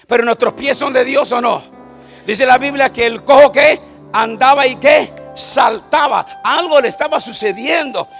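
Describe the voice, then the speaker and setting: High-voiced, gravelly preacher man. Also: measured pace, a bit bright, faint music behind. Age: 50s. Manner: joking, calls out to the audience with repeated "right?". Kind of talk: comedic sermon to a congregation.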